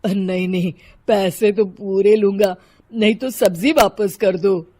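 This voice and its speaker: A woman voicing a poor, humble male vegetable seller in a cartoon, who pleads slowly. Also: mid-range voice, fairly even intonation, dark tone, lightly acted. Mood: pleading. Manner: slow and pleading.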